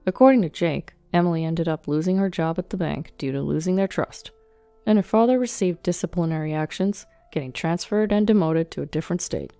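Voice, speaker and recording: A woman reads a story in the first person, measured and even, with a low, mellow voice. The sound is close and dry, with faint music behind her. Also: smooth, no echo. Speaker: narrator. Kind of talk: scripted narration of a story.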